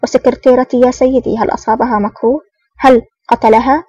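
A woman reads a cunning male spy in a storybook reading, feigning outrage with quick, exclaiming lines. The voice is high, breathy and fast. It sounds dull and distant on a dry recording. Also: little pitch movement, mellow, no room sound, natural voice. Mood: feigned outrage. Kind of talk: audiobook reading.

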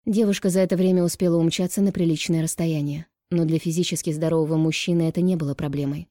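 A woman narrating an audiobook in a calm, even reading voice. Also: low-pitched, fast, no room sound, studio quality.

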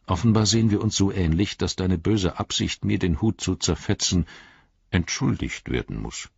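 Man reading Gandalf, a deep gravelly old wizard. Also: lively intonation, normal speed, dry recording, muffled recording, heavily acted. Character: old wise male wizard, wry and grave. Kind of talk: audiobook reading.

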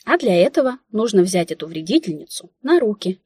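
A woman narrating an audiobook in the first person, ironic and expressive. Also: mid-range voice, a little fast, slightly rough, dry recording, studio quality.

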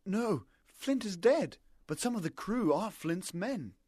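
A man voicing an earnest young boy answering in breathless replies, with a husky voice. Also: high voice, expressive, a little slow, a little mellow, no echo, studio quality, voice pushed up, exaggerated voice.

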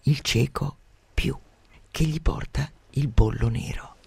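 A man hosting a radio program on literature, retelling and commenting on an adventure novel in a lively, dramatic way. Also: mid-range voice, slow pace, creaky, breathy edge, no room sound. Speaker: radio host presenting a novel.

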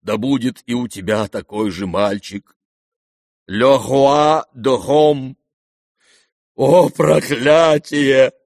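A man's voice: mid-range voice, takes it slowly, creaky, long pauses, a little mellow, dry recording, clean studio sound. A man voicing an old disgraced general in an audiobook, rambling and sentimental, given to theatrical outbursts. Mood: grandiose. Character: old drunken disgraced male general, maudlin and boastful. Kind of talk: audiobook character reading.

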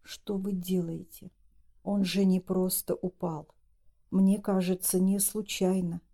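A woman voicing a timid young mistress who speaks quietly, almost in a whisper. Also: lowish voice, little pitch movement, slow. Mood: hushed.

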